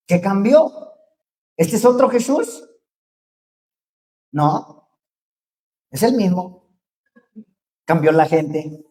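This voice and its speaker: A man with a Mexican accent preaching a sermon to his congregation, talking conversationally and dropping to quiet asides. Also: sits high. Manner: conversational, drops to quiet asides, rises when reading scripture. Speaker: pastor.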